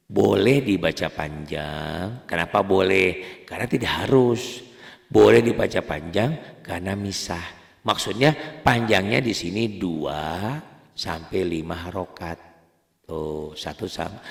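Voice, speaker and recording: A low-pitched man with a gravelly, creaky voice teaches a beginner Quran reading lesson. He talks in a chatty, joking way, keeps repeating the rules, and chants each example word out loud. His voice rings with a long, echoing reverb.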